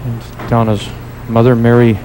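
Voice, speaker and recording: A man's voice: mid-range voice, completely flat delivery, measured pace. A man hosting and calling a bowling match in a play-by-play style. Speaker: play-by-play sports host. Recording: noisy broadcast with loud crowd. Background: crowd and bowling alley noise.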